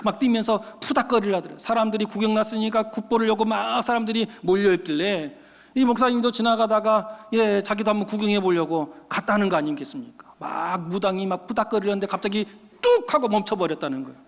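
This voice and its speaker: A male pastor tells stories from the pulpit in an emphatic, folksy way, often dropping into casual speech. His voice sits high for a man. A long church-hall reverb follows every phrase. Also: fairly quick, creaky. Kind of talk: sermon with storytelling. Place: church sanctuary.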